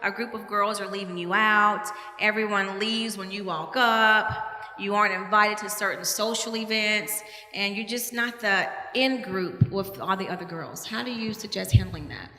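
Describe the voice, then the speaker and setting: A woman's voice: mid-range voice, moderate pace, bright, forceful tone. A woman moderating a panel discussion in a large hall with an audience, upbeat and encouraging as she asks questions.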